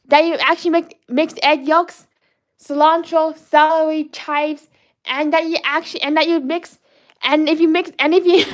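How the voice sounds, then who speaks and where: A woman's voice: high voice, fairly bright tone. A woman hosting a live drawing stream, talking in a playful, childlike way, greeting viewers, and often restarting her sentences. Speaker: livestream artist host. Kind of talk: casual livestream chat while drawing.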